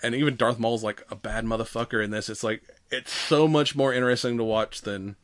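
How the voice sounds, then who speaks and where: A man co-hosting a podcast in casual chat, halting and conversational, with some swearing. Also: medium pitch, steady tone, fairly bright tone. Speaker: podcast co-host.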